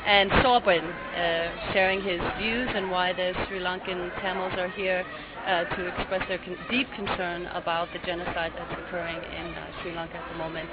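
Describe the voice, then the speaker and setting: A woman reporter interviewing a demonstrator outdoors, asking brief questions and giving soft acknowledgements. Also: lowish voice, level tone, moderate pace. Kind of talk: street interview. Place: outdoors on a city street. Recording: dull lo-fi recording with loud street noise.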